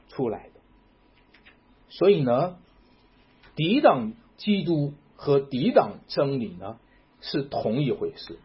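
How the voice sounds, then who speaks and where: Emphatic preacher with a lively voice. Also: male voice, mid-range voice. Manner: emphatic, repeating rhetorical questions. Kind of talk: sermon. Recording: dull lo-fi recording.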